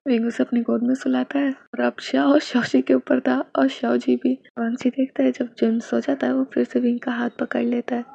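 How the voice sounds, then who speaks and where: A woman's voice: on the high side, level tone, moderate pace, creaky, few pauses, dark tone, slightly rough, no room sound, muffled recording. A woman narrating a romance fan fiction story, reading every character's lines herself and sometimes dropping to a whisper.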